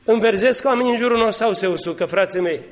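A man preaching a sermon, telling humorous stories and building to fervent exhortation. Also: high-pitched. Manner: lively, humorous storytelling that rises to fervent exhortation.

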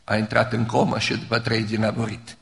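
A pastor, telling stories in a fervent sermon that swings from soaring highs to hushed lows. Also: male voice, monotone, gravelly. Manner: fervent storytelling preacher, rising to high emotional peaks and dropping low. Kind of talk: sermon storytelling. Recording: reverberant hall.

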